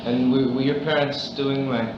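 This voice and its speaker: A male interviewer asks short, prompting questions and slips in quiet acknowledgements. The room is roomy and echoing, and a loud wash of background noise sits under his muffled voice. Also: medium pitch, level tone, moderate pace. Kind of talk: interview questions and back-channel replies.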